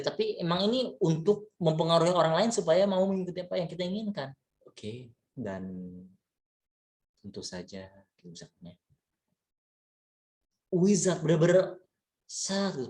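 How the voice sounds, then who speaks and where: A man giving a relaxed, chatty leadership lecture, full of fillers and tag words, mixing in English terms. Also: medium pitch. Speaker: leadership trainer. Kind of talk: casual webinar lecture. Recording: echoey room.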